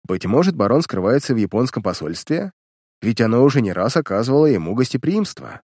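A hard-edged male detective from an old pulp audiobook, snapping short commanding questions, as a man reading the story puts him on. His pitch moves a lot, and the voice sits close and dry with no room around it. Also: big pitch swings, fairly quick, darkish tone, no echo. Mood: stern.

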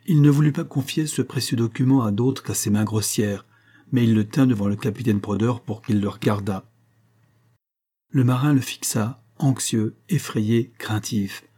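A male audiobook narrator reads a classic novel in a measured, steady way. His voice is dark and mellow, with a husky, breathy grain. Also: mid-range voice.

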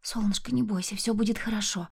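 A woman reading an audiobook, voicing a terrified young mother who whispers urgently to calm her child. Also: mid-range voice, a little fast, close to an everyday voice. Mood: urgent soothing. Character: frightened young mother, woman, desperate but protective.

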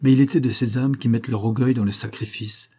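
A man reading a classic novel aloud in a measured, even way. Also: medium pitch, husky. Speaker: audiobook reader. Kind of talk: novel narration.

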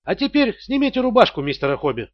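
Man doing a mocking male extortionist, pitched up high, sneering and menacing, audiobook thriller, slightly dull dry sound. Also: very animated, fast talker. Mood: coolly menacing. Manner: coolly mocking, bursts into screams. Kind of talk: audiobook character voice.

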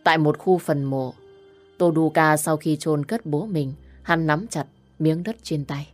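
A woman narrating an audio story in a calm, even way. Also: deep voice, a little slow. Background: faint music.

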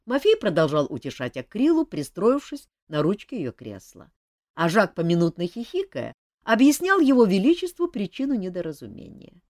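A woman narrating an audiobook with an expressive, wry storytelling manner. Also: medium pitch, moderate pace, no room sound, studio quality.

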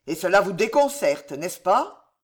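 A woman voicing a harsh old male constable in an audiobook, speaking gruffly and with scorn. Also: medium pitch, very animated, very slow, a little mellow. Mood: scornful. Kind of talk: audiobook reading.

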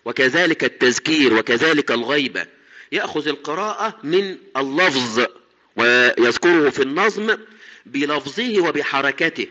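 A man teaching a lesson on Quran recitation, explaining each point step by step, repeating key terms and chanting quoted verses slowly. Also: medium pitch, expressive, sharp tone, long reverb tail, dull audio.

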